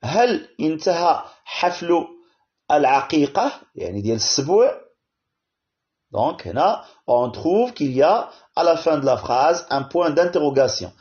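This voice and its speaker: Giving a grammar lesson to primary pupils, this man switches between French and Arabic, explains slowly, and checks in frequently with "hein?" and "bien". His voice is fairly high, sing-song and darkish, and the recording is dull and lo-fi.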